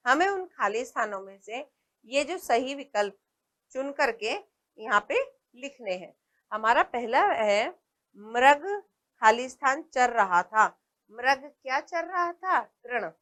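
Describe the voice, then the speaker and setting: A woman's voice: high-pitched, lively intonation, fairly bright tone. A woman teaching a primary school lesson, patient, asking questions and pointing out examples. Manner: patient, explains slowly and asks questions; points at the book as she talks.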